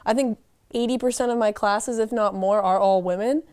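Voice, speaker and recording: A woman's voice: a little high, normal speed, a little mellow, clean tone. A young woman in a casual student sports panel discussion, chatty and full of fillers. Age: young adult.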